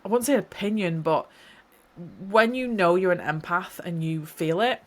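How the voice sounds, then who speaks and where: A young New Zealand woman hosts a casual solo podcast, her voice on the low side and her pace moderate. Hay fever leaves her a little stuffy and slightly nasal as she talks in an earnest, rambling, heartfelt way.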